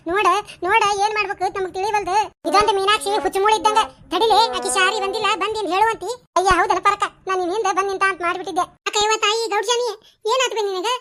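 A woman voicing bickering village women in a cartoon, talking in quick bantering dialect with a North Karnataka Kannada accent. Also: very high-pitched, fairly even intonation, a bit bright. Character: bickering village women, a landlady and her helpers. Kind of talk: cartoon voice acting.

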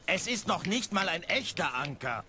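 An actor voicing a pompous, melodramatic, indignant evil talking skull in a cartoon adventure game. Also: male voice, high-pitched, very animated, moderate pace, pushed and bright, soft background music, full character voice.

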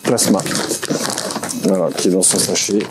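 A man in his forties casually unboxing and showing a tool in a small indoor workshop office, relaxed and halting with many fillers. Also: low-pitched, heavy background noise. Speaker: vlogger.

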